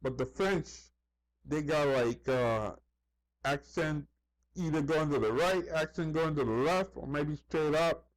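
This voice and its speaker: A male vlogger with a voice on the high side delivers a casual, rambling monologue at a measured pace, repeating himself and saying "you know" a lot. He acts out other people's remarks while telling anecdotes, and the recording is rough.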